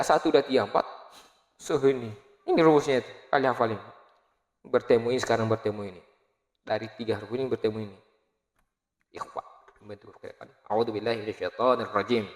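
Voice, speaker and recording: A man teaching Quran reading, chanting verses slowly and melodically, then explaining in quiet, quicker asides in an Indonesian accent. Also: medium pitch, roomy sound, in a large hall. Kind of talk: recitation lesson with explanations.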